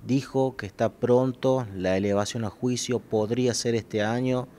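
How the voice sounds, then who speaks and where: A man's voice: mid-range voice, fairly even intonation, moderate pace, darkish tone. A male reporter asking formal, polite interview questions.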